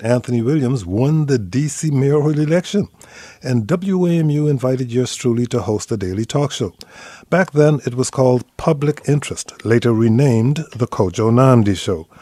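A man's voice: mid-range voice, warm tone, no room sound, clean studio sound. Older Guyanese-born man hosting radio. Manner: measured, deliberate delivery. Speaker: radio talk show host. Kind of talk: radio talk show conversation.

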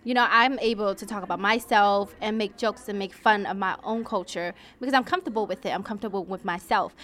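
A woman's voice: medium pitch, fast talker, a bit bright. A woman in her twenties, a nail technician, talking frankly and confidently in a casual interview in a nail salon. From United States. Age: 20s.

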